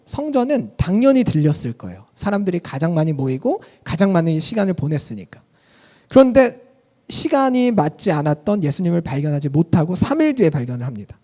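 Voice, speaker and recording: High, lively male pastor preaching. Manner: lively storytelling, asks the audience questions. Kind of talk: sermon.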